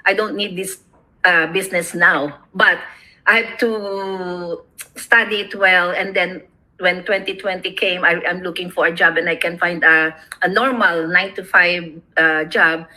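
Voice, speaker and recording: A woman's voice: on the low side, fairly even intonation, a little slow, pushed and bright, low-quality recording. A middle-aged woman from the Philippines, hosting a casual chat over a video call, rambling and laughing often. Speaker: host.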